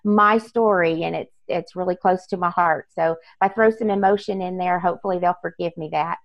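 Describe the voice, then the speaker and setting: Earnest woman with a gravelly edge. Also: lowish voice, steady tone, a little fast, no room sound, highs cut off. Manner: earnest, talks in long run-on lists. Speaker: author guest. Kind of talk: casual interview talk.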